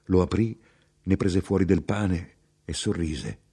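A man giving a measured, expressive literary audiobook reading. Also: low voice, slightly rough. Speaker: audiobook narrator.

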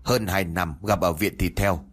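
A man's voice: deep voice, fairly even intonation, measured pace. A man doing a wailing angry male ghost. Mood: sullen. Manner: shouting, whining and sobbing. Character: angry possessed ghost of a man, defiant then pleading.

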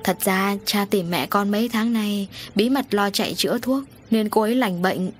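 A woman voicing a kindly old male foster father who speaks gently. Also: mid-range voice, moderate pace, a little hiss or hum, natural voice. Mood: gentle.

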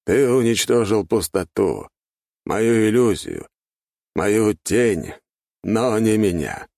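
A cold, unhurried dark mage taunts his foe in a low, gravelly voice, as a man reads him. He speaks calmly, with quiet, mocking contempt. The recording is dry and close. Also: dry recording, exaggerated voice. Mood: coldly amused.

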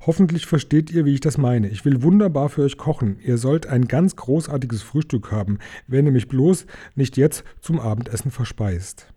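A man's voice: mid-range voice, moderate pace, hardly any pauses, mellow, breathy edge, close to an everyday voice. A man voicing a frightened small male hobbit who stammers and pleads in a storybook reading. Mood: pleading.

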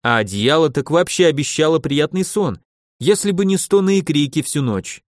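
A man's voice: on the high side, lively intonation, moderate pace, no room sound, clean studio sound. A man reading a novel aloud as an audiobook narrator, with a wry, storytelling manner.

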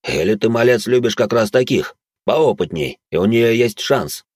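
A man's voice: medium pitch, lively intonation, normal speed, darkish tone, no room sound. A man voicing a mocking, battle-hardened old man in an audiobook who sneers and barks orders. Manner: gruff, sneering, barks commands.

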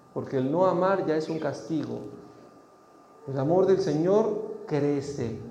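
Gravelly preacher in an echoing church. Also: male voice, fairly high pitch, mellow. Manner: preaching with rising emphasis, acting out dialogues. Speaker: pastor. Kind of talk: sermon. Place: church hall. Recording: echoey hall, dull sound, faint noise.

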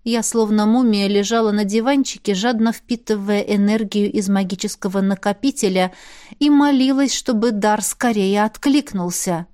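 A woman's voice: medium pitch, moderate pace, dark tone. Woman narrating a fantasy audiobook.

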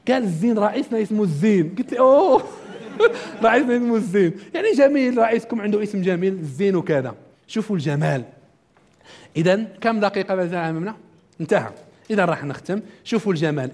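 A man giving a lively lecture, questioning his audience and answering himself. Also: high-pitched. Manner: animated, asks the audience questions and answers them. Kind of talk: interactive lecture to a live audience.

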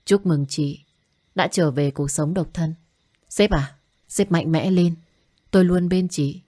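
An earnest young man, devoted and gently teasing, as a woman narrator reads his messages. Low for a woman, with no real change from her everyday reading voice. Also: a little slow.

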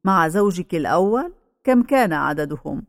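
A woman voicing an aging male village pastor who speaks slowly and solemnly. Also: medium pitch, expressive, a little mellow, dry recording, clean studio sound, close to an everyday voice. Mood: cold.

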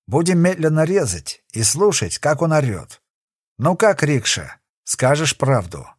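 A brutal convict boss threatens his victim with slow menace, voiced by a male audiobook reader. His voice swings widely in pitch and is recorded close and dry. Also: very animated, husky, no echo, heavily acted. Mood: menacing.

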